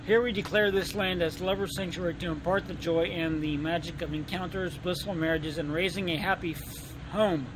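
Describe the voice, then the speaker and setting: A man's voice: high-pitched, fairly even intonation, moderate pace, few pauses. A middle-aged man vlogging casually with a handheld camera on the outdoor deck of a boat at night, rambling with wry asides. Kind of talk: casual vlog narration. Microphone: handheld camera at arm's length. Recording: loud wind and boat noise. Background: wind and engine noise.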